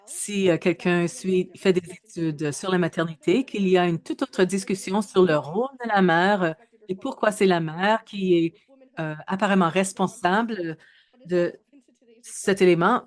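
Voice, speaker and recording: A woman in her thirties giving a research presentation in a webinar, speaking in a measured way with frequent hesitations and self-corrections. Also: medium pitch. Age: 30s.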